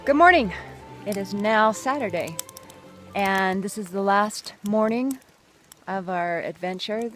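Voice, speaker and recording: A woman's voice: medium pitch, slow pace, fairly bright tone, faint music behind. A woman leading a group hike, chatting to the camera on a mountain trail, upbeat and thankful. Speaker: hike leader filming a trail vlog. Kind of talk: casual outdoor vlog narration.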